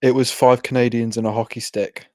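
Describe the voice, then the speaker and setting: A man's voice: medium pitch, little pitch movement, fairly quick, a little mellow, no echo, studio quality. A man co-hosting a podcast, chatting casually with enthusiasm and frequent laughter. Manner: enthusiastic, laughs often, jokes. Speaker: podcast co-host. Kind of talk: casual recap chat.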